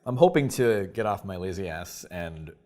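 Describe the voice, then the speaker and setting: Low-voiced Canadian man telling stories. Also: normal speed. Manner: animated storyteller, lots of uh fillers and restarts. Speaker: voice actor guest. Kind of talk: casual interview chat.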